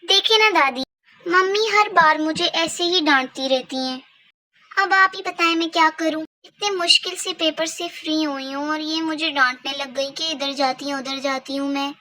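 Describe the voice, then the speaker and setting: A woman's voice: sits high, moderate pace, pushed and bright. A woman voicing a cheerful, spoiled teenage girl in a doll-play story, chirpy and a little whiny.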